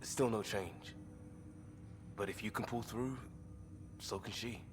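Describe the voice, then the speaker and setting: A man's voice: lowish voice, slow pace. A man voicing a supportive male crew officer in a video game, speaking in an encouraging way. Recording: game audio, reverberant, ambient noise.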